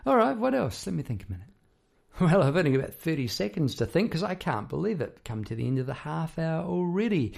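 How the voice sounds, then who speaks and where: A man with a croaky, tired-sounding voice talks casually and reflectively about his craft as a songwriter, rambling and often repeating words as he goes. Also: on the high side, very animated, a little fast, darkish tone. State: croaky voice after poor sleep. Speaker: songwriter and musician hosting a half-hour talk.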